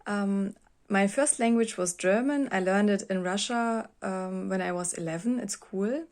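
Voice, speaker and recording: A woman's voice: medium pitch, unhurried, a little mellow. Woman speaking casually, hesitant. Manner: hesitant, with fillers. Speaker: interviewee. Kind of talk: casual chat.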